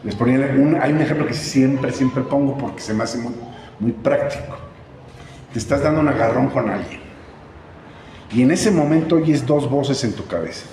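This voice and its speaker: A man's voice: medium pitch, normal speed. A man preaching a sermon as pastor, emphatic, asking the congregation questions and repeating words for stress. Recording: echoey hall with background noise.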